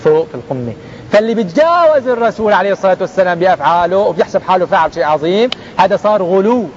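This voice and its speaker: A man giving a colloquial religious lesson to young people, lively and acting out the people he quotes. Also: very fast, lo-fi sound, a little hiss or hum. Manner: animated, mimics people in quoted lines with jumps in pitch. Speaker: preacher.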